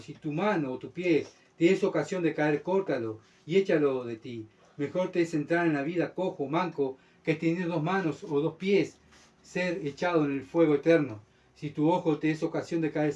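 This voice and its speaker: A man preaching a sermon as pastor, with a Uruguayan Spanish accent, talking emphatically and checking often that his congregation follows him. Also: darkish tone. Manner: emphatic, keeps asking the congregation "¿Se entiende?"; mocks complainers in a whiny high voice.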